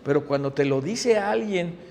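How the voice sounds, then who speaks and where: Middle-aged pastor, high-pitched and animated, preaching in a reverberant hall. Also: male voice, moderate pace. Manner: animated, swings from loud emphasis to hushed asides. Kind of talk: sermon.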